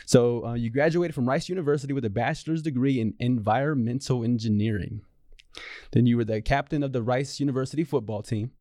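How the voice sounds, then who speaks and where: A man's voice: mid-range voice, warm tone, no room sound. Upbeat man hosting a podcast, dry studio. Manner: upbeat, encouraging. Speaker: podcast host. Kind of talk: interview podcast.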